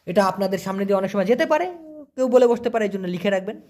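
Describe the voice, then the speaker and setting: A man teaching a vocabulary lesson, spelling words letter by letter and repeating them slowly. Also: high voice, animated, a little mellow. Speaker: language teacher.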